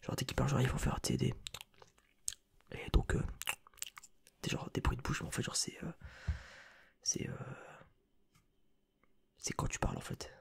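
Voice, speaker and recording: A man whispering his way through an ASMR reaction video, his voice full of heavy fry and very breathy. He rambles in slangy, offhand remarks and cracks jokes between comments, speaking close into a sensitive microphone. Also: medium pitch, wildly swooping pitch, moderate pace, pauses often. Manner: rambling, slangy, joking asides. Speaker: ASMR creator and streamer.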